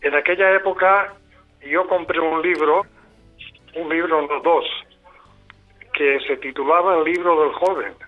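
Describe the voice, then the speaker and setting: A man in his seventies calling in to a radio show over the phone, speaking slowly in short broken phrases. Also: on the high side, steady tone. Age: 70s. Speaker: caller. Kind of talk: call-in radio comment. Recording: tinny phone line with faint music.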